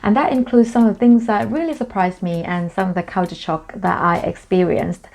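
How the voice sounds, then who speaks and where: A woman's voice: mid-range voice, steady tone, a little fast, gravelly, a little mellow. Chatty Thai-born woman vlogging. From Thailand. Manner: chatty, friendly explaining with many fillers. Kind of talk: casual vlog talk to camera.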